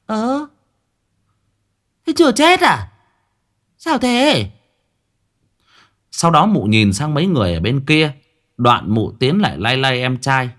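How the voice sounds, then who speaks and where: A man's voice: high-pitched, lively intonation, moderate pace, pitched above the performer's own voice. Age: middle-aged. Figure: wailing village woman as a man puts her on. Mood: crude scolding. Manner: sing-song lamenting wail, stretched out.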